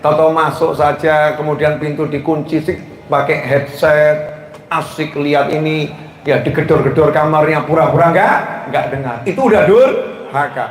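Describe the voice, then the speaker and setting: A man preaching a lively sermon to a live audience, joking and often rising into laughing shouts. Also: on the high side, normal speed. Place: gathering hall with an audience. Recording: roomy hall echo, faint background noise.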